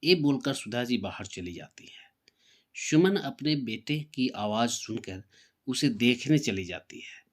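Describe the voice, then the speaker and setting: A man narrating a family story in a plain, steady reading voice. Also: medium pitch, measured pace. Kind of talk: scripted narration.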